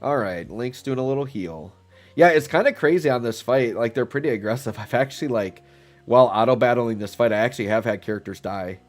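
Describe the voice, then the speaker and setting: This man's voice is mid-range and fairly quick, though congested and stuffy since he's recovering from a cold. He gives relaxed, rambling commentary during a live game stream, thinking out loud with filler words over faint background music.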